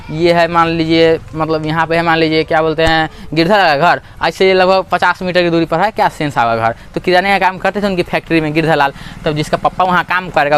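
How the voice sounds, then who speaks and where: A man's voice: on the high side, a bit bright, smooth. A man explaining a school literature chapter as a teacher, asking and answering his own questions over and over.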